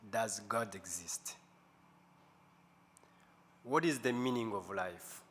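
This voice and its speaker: A man in his fifties giving a deliberate, slow testimony talk as guest speaker at a church service, pausing often. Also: lowish voice, fairly bright tone. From Rwanda. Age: 50s. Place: large church sanctuary. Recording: echoey church hall, faint room noise.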